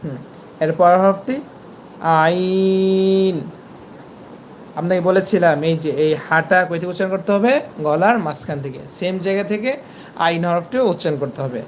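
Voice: medium pitch, slight background noise. Patient teacher drawing out letter sounds. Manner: patient, repeats each letter slowly and drawn out. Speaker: Quran teacher. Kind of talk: online lesson on letter pronunciation.

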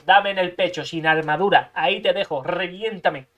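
A man's voice: high voice, moderate pace, fairly bright tone, lo-fi sound. A man from commentating his own card game match, talking to himself, swearing a lot, making sound effects and breaking into frustrated outbursts. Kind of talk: gameplay commentary.

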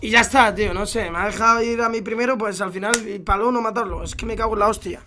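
A man with a Spain Spanish accent doing live gameplay commentary as a gaming streamer. He is excitable, swears often and shouts quick callouts in English. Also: high voice, a little hiss or hum.

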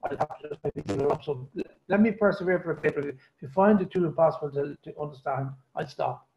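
Gravelly man on a breaking call. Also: a little high, quick pace, darkish tone. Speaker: panel participant asking a question. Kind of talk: online panel discussion. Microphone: video call. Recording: dull, breaking-up video call line.

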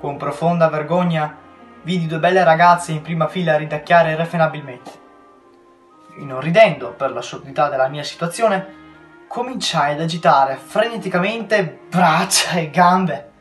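A teenage boy, a student reader, reading a novel aloud with measured storytelling, in a roomy recording with faint music. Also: fairly high pitch. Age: teens.

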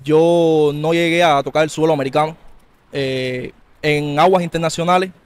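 A Cuban man with a Cuban accent, an interviewee earnestly recounting his own experience in a quick, tumbling way. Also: fairly high pitch, fairly even intonation, smooth. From Cuba. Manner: earnest, quick, tumbling narration with small restarts. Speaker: interviewee, former political prisoner. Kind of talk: recounting a personal story in an interview.

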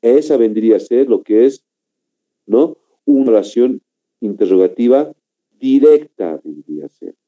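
A man teaching a grammar class, speaking slowly and repetitively, often tagging sentences with a questioning "no?" and addressing the students as gentlemen. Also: mid-range voice, animated. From Bolivia. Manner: slow, repetitive, keeps asking "¿no?" and addressing "señores". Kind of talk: classroom lecture. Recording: dull lo-fi recording.

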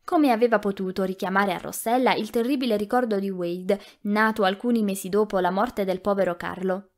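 In a mid-range voice, a woman narrates a novel as an audiobook reader, delivering the scripted text in a measured, expressive manner.

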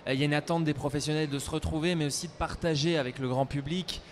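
A young man at a trade fair speaks eagerly into a handheld mic, often stumbling and repeating words. His voice sits a little high, with a faint hum of the hall behind him. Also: steady tone, fast. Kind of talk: casual interview at a trade fair. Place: trade fair stage, indoors.

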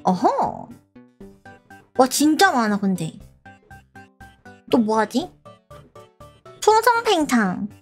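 High, animated woman streamer. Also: drawn-out words, long pauses, soft background music. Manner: playful, giggly. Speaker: game streamer. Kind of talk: casual gameplay chat.

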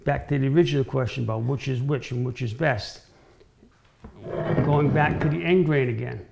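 A mid-range voice with vocal fry and a slightly mellow quality belongs to a guest woodworker in his sixties. At a normal speed, he explains cutting boards informally in a home-style kitchen indoors, often restarting and repeating his words.

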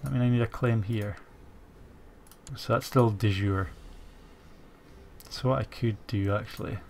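Gravelly and darkish, this man's voice sits on the low side, steady in tone and unhurried, with a little hiss or hum. He's a gaming channel host with a stuffy cold, musing through strategy game commentary with many fillers as keyboard typing goes on behind him.

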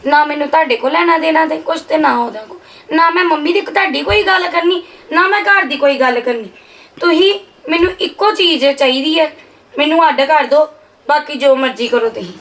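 A woman's voice: high-pitched, a little fast, fairly bright tone, rough recording. A woman playing a defiant young daughter-in-law. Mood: bitter. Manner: argumentative, snapping back. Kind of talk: amateur family drama skit.

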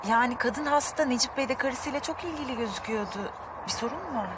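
An actress playing a gentle, reserved young wife who speaks softly and hesitantly in a TV drama. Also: female voice, sits high, fast talker, far from the mic, heavy background noise, close to an everyday voice. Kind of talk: TV drama acting. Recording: voice set back from the mic.

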